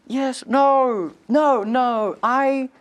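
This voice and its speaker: An actress playing a put-upon young intern in a comedy sketch, whiny and flustered. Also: female voice, sits high, very slow, clear, resonant tone.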